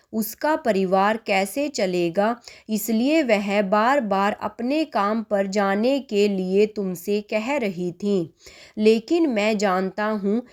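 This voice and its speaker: A patient middle-aged husband soothes and reassures his wife in a storybook tale, as a woman does his voice. He speaks slowly and steadily. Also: mid-range voice, a little mellow, close to an everyday voice.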